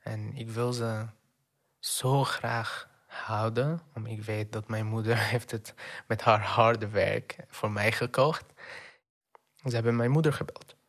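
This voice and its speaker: A young man from Syria speaks slowly and haltingly, pausing often and slipping in English words. His voice is gravelly with a flat, even melody. He stays sober and low-key as he tells of what happened. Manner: halting, with many pauses and fillers, dropping in English words. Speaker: refugee telling his story. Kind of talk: personal testimony.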